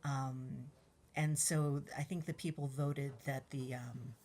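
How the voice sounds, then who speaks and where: Soft-spoken low-voiced young woman. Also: fairly even intonation, takes it slowly. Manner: soft-spoken, often trails into whispers, many ums. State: out of breath. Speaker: tarot deck reviewer. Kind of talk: casual deck walkthrough.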